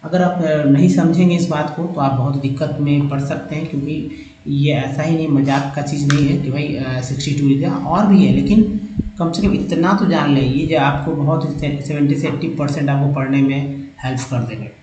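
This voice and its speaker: Speaking at normal speed, a man with a slightly high, mellow voice runs a phonics lesson from slides. He repeatedly spells letter groups and sounds out words, emphatic and treating viewers as friends. The roomy recording is rough, with a little hiss or hum.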